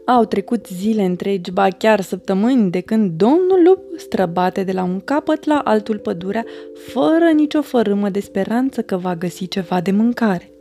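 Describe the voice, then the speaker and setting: A woman reads a children's storybook aloud in a gentle, expressive manner, her voice mellow and warm. Soft music plays faintly underneath. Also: medium pitch, few pauses. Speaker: storyteller host.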